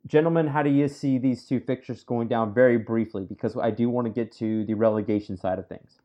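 Male host, middle-pitched, blunt and swearing, muffled podcast recording. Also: steady tone, a little fast, dark tone. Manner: blunt and emphatic, swears freely. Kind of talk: casual sports chat.

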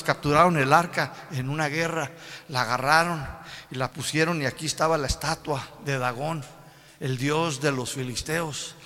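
A man preaching an animated sermon, putting questions to his congregation again and again. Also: a little high. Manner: animated, repeats "my brothers", asks the congregation questions. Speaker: pastor. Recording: long hall reverb.

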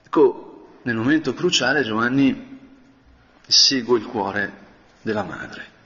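A man of middle pitch preaching a relaxed, chatty meditation as a priest, clearing his throat now and then. His voice rings with a long hall reverb, and the recording sounds a little dull and lo-fi. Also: slow pace. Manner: conversational, often clears his throat and adds a questioning tag. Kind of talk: spoken meditation sermon.

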